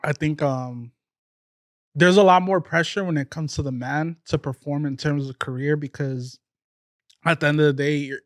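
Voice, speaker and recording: A man's voice: a little high, steady tone, normal speed, no echo, studio quality. A man co-hosting a podcast in casual chat, arguing his views bluntly and swearing now and then. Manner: argumentative, blunt, curses. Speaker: podcast co-host.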